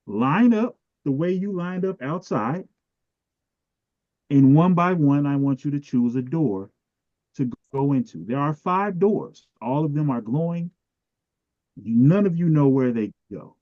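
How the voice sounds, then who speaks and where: A man's voice: a little high, expressive, a little slow, no room sound. A man running a tabletop game as game master, describing scenes and guiding players. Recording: dry, dull-sounding.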